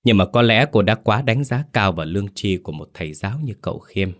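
A man's voice: fairly low pitch, animated, fast. A man narrating a sad folk story in a dramatic storytelling manner.

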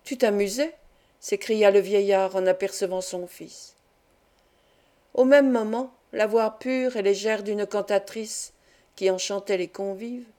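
A woman narrating a classic literary tale as an audiobook reader, in a measured, expressive reading. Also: medium pitch.

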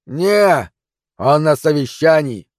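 A man reading an audiobook, voicing a brash, rude male castle guard who shouts mockingly down from the battlements. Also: on the high side, lively intonation, slow pace, no room sound, clean studio sound. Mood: mocking shouting. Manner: loud, mocking, shouted back and forth.

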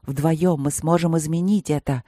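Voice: medium pitch, a little slow, no echo, clean studio sound, close to an everyday voice. A reader voicing a proud young warrior tiger who speaks curtly and heavily. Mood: fierce. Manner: flat and heavy, curt.

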